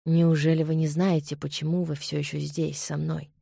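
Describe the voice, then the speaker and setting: A woman reading the part of a suave young Scottish gentleman who speaks softly and calmly. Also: moderate pace, creaky, breathy edge, no echo, studio quality, exaggerated voice. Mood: velvety, calm. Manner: soft, low, velvety and calm.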